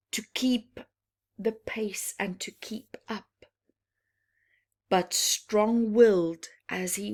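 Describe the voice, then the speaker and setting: A woman storyteller reads a children's picture book at an extremely slow pace, her medium-pitched voice carrying a husky, breathy edge. She is dramatic and expressive, slipping into hushed explanatory asides.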